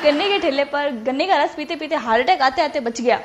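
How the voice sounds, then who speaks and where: Give me a high-pitched woman comedian with a Marwari accent, lively and chuckling. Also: a little fast, background noise. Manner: lively, chuckling between punchlines. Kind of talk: comic joke-telling show.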